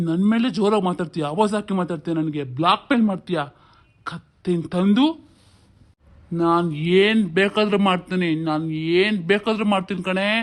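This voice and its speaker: A man plays a domineering husband in a home drama, with a high-pitched male voice. He scolds and threatens, bullying every word. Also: close to an everyday voice.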